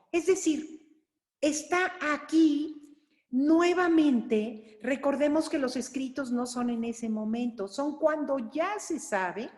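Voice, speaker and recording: Woman Bible teacher, unhurried lecture full of fillers, higher voice, long room reverb. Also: a little mellow. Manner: slow, explanatory, with many fillers and restarts. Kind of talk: online lecture on scripture. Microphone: online class recording. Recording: roomy reverberant online class audio.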